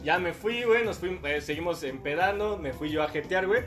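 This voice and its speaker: A man with a Mexican Spanish accent tells stories in a loose, slangy podcast chat, full of fillers and lively asides. His voice sits a little high for a man. Faint music plays softly underneath. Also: brisk. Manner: slangy, animated anecdote-telling with many fillers. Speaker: podcast guest storyteller. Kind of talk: casual storytelling chat.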